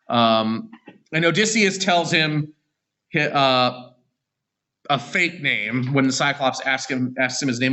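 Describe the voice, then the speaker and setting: Bright-voiced male teacher, halting. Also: medium pitch. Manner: unscripted, many "uh" and "um" fillers, self-corrections. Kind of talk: online class lecture, summarizing a story.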